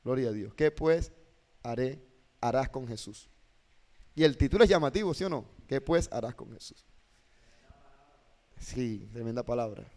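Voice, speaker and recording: A male pastor giving a lesson on preaching, animated and often asking his listeners to agree. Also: mid-range voice, moderate pace, pauses often. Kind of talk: classroom lecture with preaching demonstrations. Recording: hall reverb.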